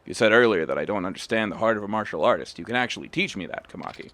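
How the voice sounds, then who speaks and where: A man's voice: lowish voice, lively intonation, very fast, a bit bright. A man voicing a terse, blunt grown male brawler, reading game dialogue aloud.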